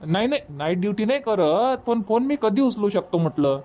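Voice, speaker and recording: In lo-fi audio, a man voices a keen villager from an animated comedy, his pitch very high for a man and swinging widely. At a normal pace he teases and pushes his argument in everyday Varhadi Marathi.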